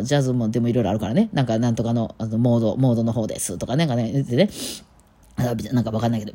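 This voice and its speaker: A woman's voice: very deep voice, warm tone, breathy edge. A woman musician with a Kansai accent, talking casually on her own show and rambling with lots of fillers. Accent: Kansai Japanese. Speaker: musician and podcast host. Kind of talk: casual solo talk.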